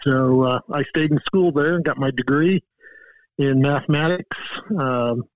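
A man in his sixties from Indiana who played and coached high school football. He tells his story in a folksy, rambling way, full of fillers. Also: a little slow, no room sound, narrow, tinny audio. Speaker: guest coach. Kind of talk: casual storytelling.

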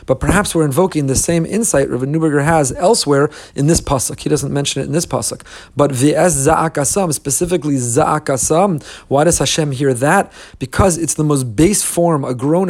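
A man's voice: a little high, darkish tone. A middle-aged man giving an audio lesson on prayer, explaining earnestly with rhetorical questions and Hebrew terms. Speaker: rabbi teaching prayer.

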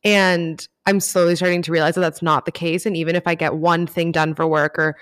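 A woman's voice: fairly low pitch, level tone, brisk, a bit bright, smooth. A woman from Miami, a writer and podcast guest, chatting casually with rambling asides. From Miami, United States. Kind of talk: casual interview chat.

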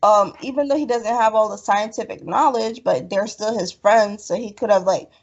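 A woman's voice: mid-range voice, normal speed, highs cut off. A woman in a casual TV recap chat, ranting in an exasperated way and saying "like" constantly. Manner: exasperated ranting, heavy use of "like".

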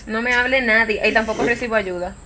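A woman's voice: fairly high pitch, fairly even intonation, fast, a loud crowd. Emphatic young Dominican woman. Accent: Dominican Spanish. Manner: emphatic, quotes herself. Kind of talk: casual chat.

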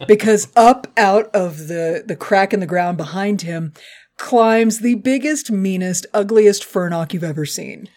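Lady podcaster swearing and joking through an episode recap, mid-pitched. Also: a little slow. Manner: animated, profane and joking. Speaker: podcast co-host. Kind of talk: casual chat recapping a cartoon episode.

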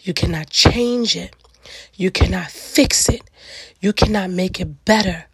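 A middle-aged woman with a raspy, gravelly voice hosts a solo reflective talk, speaking earnestly and emphatically in weighty repeated phrases. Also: medium pitch, measured pace, dry recording. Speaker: podcast host.

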